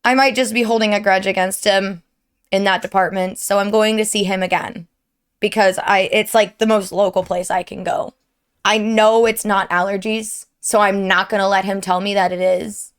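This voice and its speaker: With a medium-pitched, clear and resonant voice, fairly even intonation and normal speed, a young woman updates her viewers candidly from her desk at home. She's a streamer and YouTuber, and her sore, strained throat is evident as she rambles earnestly.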